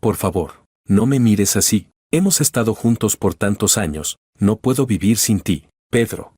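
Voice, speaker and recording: A man's voice: lowish voice, lively intonation, measured pace, a little mellow, slightly rough, no room sound, studio quality. A man reading the lines of a desperate young wife who keeps begging, in a storybook reading. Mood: pleading. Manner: begging, repeating pleas.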